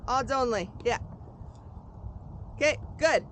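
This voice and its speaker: A woman coaching paddlers in an informal, encouraging way, giving careful, unhurried step-by-step instructions outdoors. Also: high voice, expressive. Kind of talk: hands-on sports instruction. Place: outdoors on a boat. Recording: very noisy outdoor recording.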